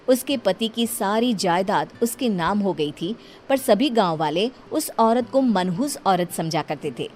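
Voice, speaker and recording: A woman's voice: medium pitch, a little hiss or hum. A woman narrating a cartoon horror story in a dramatic storytelling voice.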